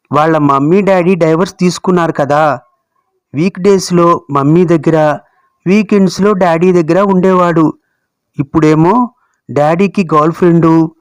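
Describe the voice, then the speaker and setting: A man's voice: a little high, smooth, dry recording, voice pushed up, close to an everyday voice. A man voicing a young schoolboy grandson who talks in a sobbing, pleading way. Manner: sobbing, pleading child talk.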